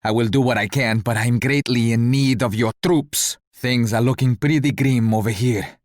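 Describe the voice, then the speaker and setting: An actor playing a courteous, stately male ruler in a strategy video game, with formal, measured, theatrical delivery. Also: medium pitch, fairly even intonation, no room sound, clean studio sound, natural voice. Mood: grim, resigned. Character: stately, courteous male colonial-era ruler, an allied leader. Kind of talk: scripted video game voice lines.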